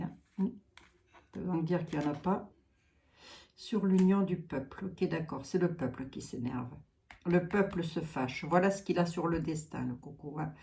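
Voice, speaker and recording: Mellow-voiced woman with a Lorraine accent. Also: on the low side. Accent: Lorraine French. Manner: muses aloud, trailing asides, frequent tags. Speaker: tarot card reader. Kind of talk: live tarot reading.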